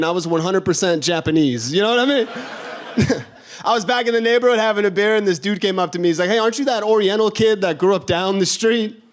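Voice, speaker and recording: A young man from doing a stand-up set on a theater stage, laid-back and tagging his jokes with "you know?". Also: high voice. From Chicago. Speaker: stand-up comedian.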